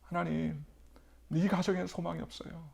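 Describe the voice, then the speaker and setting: A woman's voice: lowish voice, level tone, moderate pace, vocal fry, a little mellow, husky, pitched above the performer's own voice, heavily acted. A male preacher voicing a grieving wife who pleads with God in tearful prayer, raised above his own voice. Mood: pleading.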